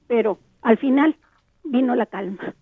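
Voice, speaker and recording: A woman's voice: a little high, measured pace, dry recording. An older woman from Texas, calling in to a radio show and telling a long rambling story. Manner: rambling storyteller, many fillers. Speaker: radio caller. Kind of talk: phone-in recollection. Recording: tinny phone line.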